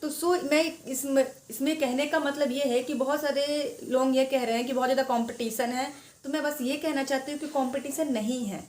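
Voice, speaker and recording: Woman with a higher voice giving casual exam tips, rambly, restarts a lot, echoey room. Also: steady tone, fairly quick, darkish tone, a little hiss or hum. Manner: chatty, repeats herself, many restarts. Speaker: exam preparation guide. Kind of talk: informal advice talk to students.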